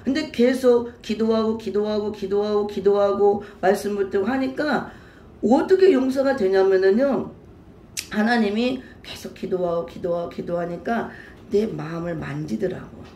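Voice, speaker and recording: A woman's voice: medium pitch, normal speed, mellow. A woman pastor giving an emotional sermon testimony, speaking emphatically and repeating her phrases. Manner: emotional, repetitive, emphatic storytelling. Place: church sanctuary. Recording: roomy church echo, faint ambience.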